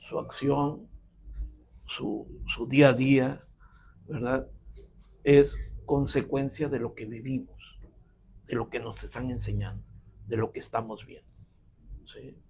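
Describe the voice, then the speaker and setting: A man on a talk show panel, explaining slowly and emphatically and often checking in with his listeners. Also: medium pitch, fairly even intonation, creaky, a little mellow, slight background noise, poor audio.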